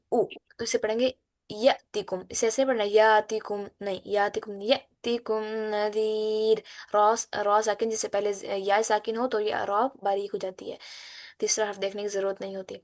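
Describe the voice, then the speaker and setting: A woman teaching an online Quran recitation class, explaining letter sounds patiently and chanting verses in a slow, melodic way. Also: mid-range voice. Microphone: computer mic on a video call.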